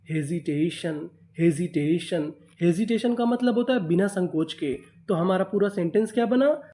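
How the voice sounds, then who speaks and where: A man's voice: high-pitched, a little mellow. A man teaching English reading in Hindi, spelling out each word letter by letter and asking and answering his own questions.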